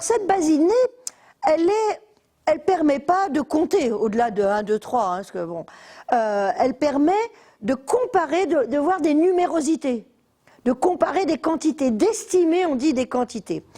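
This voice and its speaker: An older woman giving a lively, chatty lecture to an audience in a lecture hall, with many fillers and asides. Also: high voice.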